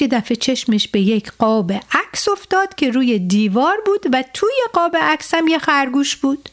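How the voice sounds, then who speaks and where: A woman hosting a children's show, reading a bedtime story aloud and speaking directly to the children in an unhurried way. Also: high voice.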